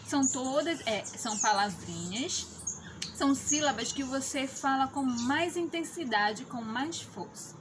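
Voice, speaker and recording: Lady teacher talking to kids, high voice, patient, lots of "né?", hiss behind her. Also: expressive, measured pace. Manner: patient, explanatory, often checks in with "né?". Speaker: schoolteacher. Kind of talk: remote lesson for children.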